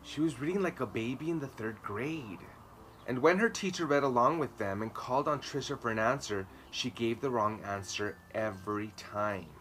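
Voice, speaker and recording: Seated on a garden patio outdoors, a thirtysomething man reads a children's story with dramatic emphasis. He speaks at a normal speed in a slightly bright, medium-pitched voice. Ambient sound is clearly heard behind his voice.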